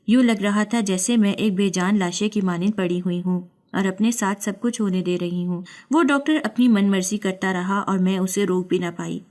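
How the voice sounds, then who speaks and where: A woman narrates a first-person story in a scripted, dramatic way. Her voice sits at a middle pitch and leans into emotion. It sounds like a storytelling channel reading. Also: darkish tone.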